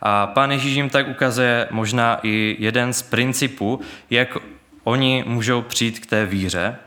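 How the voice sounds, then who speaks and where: A man's voice: medium pitch, pushed and bright. A man preaching a sermon in an earnest, searching way, with many restarts and fillers, and reading Bible verses aloud.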